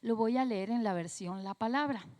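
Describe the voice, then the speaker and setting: A woman pastor, slightly hoarse, telling a personal story in a conversational sermon with frequent tag questions. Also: on the high side, moderate pace, a little mellow, in a large hall.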